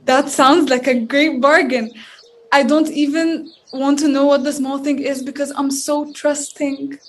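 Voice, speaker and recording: Young woman playing a poor, gullible fairy-tale girl, melodramatic, high voice, slow delivery. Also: steady tone. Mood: naive. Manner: melodramatic, wailing. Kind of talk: school play over video call.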